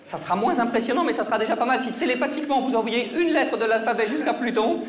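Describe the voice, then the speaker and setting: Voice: medium pitch, quick pace. A stage mentalist comedian running a mind-reading routine with audience volunteers, in mock-serious teasing patter that often stumbles and restarts. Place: stage before a live audience. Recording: echoey hall with faint crowd.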